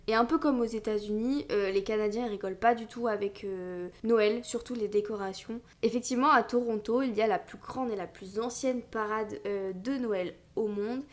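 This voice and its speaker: A woman co-hosting a podcast in casual chat, chatty with frequent fillers and laughter. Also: fairly high pitch. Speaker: podcast co-host.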